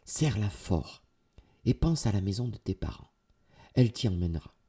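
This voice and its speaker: A man voicing a kind magical male bird in a storybook tale, calm and reassuring. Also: fairly low pitch, moderate pace, slightly rough.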